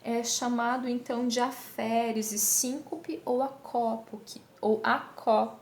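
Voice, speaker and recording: Woman teacher, higher voice, patient explainer, recorded in an echoey room. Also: steady tone. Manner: explains step by step, checking in with "tá?"; slows down to read example lines aloud. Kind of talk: recorded online class. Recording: echoey room with faint hiss.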